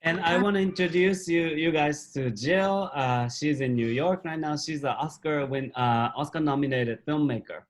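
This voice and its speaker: A man's voice: on the high side, moderate pace, hardly any pauses. A man, a film director, chatting casually and introducing friends over a video call.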